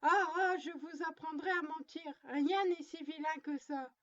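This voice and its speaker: A woman's voice: sits high, unhurried, fairly bright tone, lo-fi sound. A woman reading a storybook, voicing a little girl who sternly plays mother to her doll, prim and lecturing. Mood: scolding.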